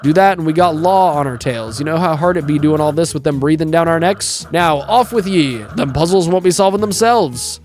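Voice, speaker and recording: A boisterous pirate captain with a hearty, booming sea-dog dialect, bossing his crew around in a game, as a man puts him on. The voice sits a little high for a man, over faint game music. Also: a little fast, few pauses, a little mellow, close to an everyday voice. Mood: scolding.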